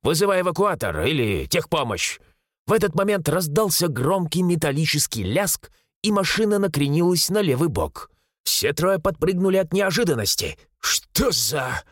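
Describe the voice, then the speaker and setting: A man narrating a story in an expressive, suspenseful audiobook style. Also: a little high, no echo, studio quality.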